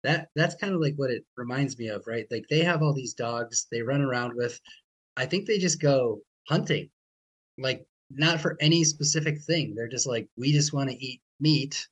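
A male podcast host keeps the talk casual and friendly. He often stutters on a word before a thought gets going. His pitch sits in a middle range for a man. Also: normal speed, husky, rough recording. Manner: friendly, chatty, repeats words when starting.

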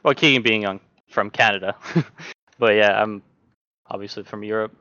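A man's voice: lowish voice, no room sound, dull audio. A young man from Norway, a sim racing driver, talking casually as a podcast guest with lots of fillers and restarts. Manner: relaxed, halting, many fillers and restarts.

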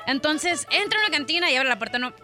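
Female radio co-host, bright lively joke-teller, high voice. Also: fast talker, soft background music. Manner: animated storyteller, acts out shouted lines.

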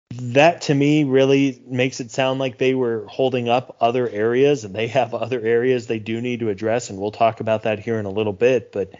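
A man's voice: medium pitch, darkish tone. A man co-hosting a sports podcast, speaking earnestly and reflectively with plenty of fillers. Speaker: podcast co-host. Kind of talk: casual sports podcast talk. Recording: muffled lo-fi podcast audio.

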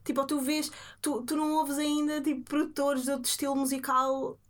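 A woman's voice: sits high, flat delivery, a little fast. A woman with a European Portuguese accent, interviewing casually on a podcast with informal, slangy, conversational questions. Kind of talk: casual chat.

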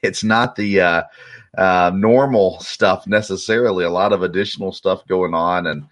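A man's voice: low-pitched, steady tone, moderate pace, fairly bright tone. A man hosting a sports podcast, chatting casually with many fillers and restarts. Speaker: podcast host.

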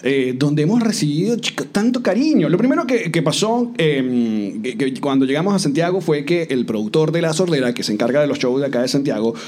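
A man's voice: fairly high pitch, expressive, a little fast, hardly any pauses, darkish tone. A young man co-hosting a casual comedy podcast, joking and rambling with lots of fillers, in a hotel room with a live audience. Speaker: podcast co-host.

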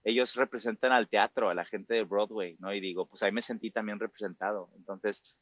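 In casual interview talk, a Mexican man in his forties who performs in musical theater reflects with many fillers and tag questions, speaking with a Mexican Spanish accent. His fairly low, steady voice is brisk and fairly bright; the audio is dull, with no echo.

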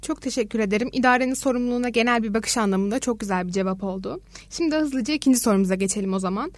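Fast, high-voiced woman host reading questions. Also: no echo. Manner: formal and polite. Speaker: student radio show host.

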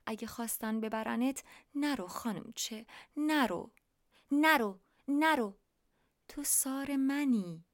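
A woman voicing a devoted wife who talks slowly and tenderly to her pet starling. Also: a little high, lightly acted. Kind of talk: storybook reading.

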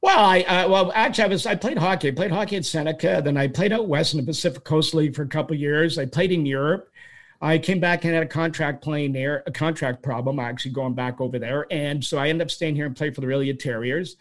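A man's voice: a little high, fast. A man in his sixties from Toronto, Canada, telling long stories as an interview guest, rambling and restarting as he goes. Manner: rambling, animated storyteller with frequent restarts. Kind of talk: storytelling interview answers.

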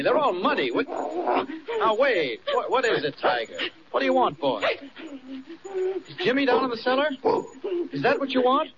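Old radio: a worried hero, high and swooping, calling from off-mic, muffled. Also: male voice, full character voice. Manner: calling out, urgent coaxing. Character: anxious heroic man searching, coaxing a dog. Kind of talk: 1940s radio acting.

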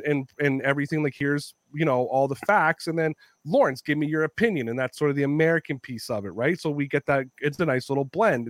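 A man hosting a podcast, telling a story in casual chat, animated, swearing freely and acting out what people said. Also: on the high side, no echo. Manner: animated storytelling, swears a lot, acts out quotes. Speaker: podcast host.

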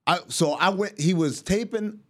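A man's voice: high-pitched, normal speed, a bit bright. A man who is a guest on a basketball podcast, telling a long anecdote in casual chat, acting out quoted dialogue and swearing casually.

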